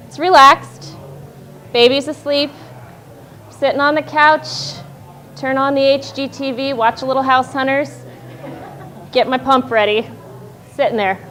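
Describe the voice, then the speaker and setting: A woman in her thirties, high-voiced and loud, shares a self-deprecating, wry tale before a live storytelling audience.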